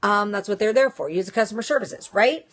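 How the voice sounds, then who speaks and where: A woman's voice: mid-range voice, lively intonation, brisk. A woman hosting a casual live stream, talking directly and chattily to viewers while reacting to their comments. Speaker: host of a nail industry live stream.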